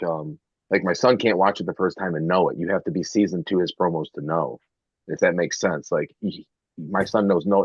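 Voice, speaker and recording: A man's voice: deep voice, husky, no room sound. A man judging in a casual panel discussion, explaining informally and checking that others follow. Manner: informal, explanatory, seeks agreement. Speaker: competition judge. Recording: muffled lo-fi, very dry sound.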